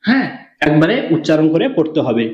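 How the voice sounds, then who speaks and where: A man teaching a beginner reading lesson, slow and patient, asking questions and answering them himself. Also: fairly high pitch, very animated. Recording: echoey room, dull lo-fi sound.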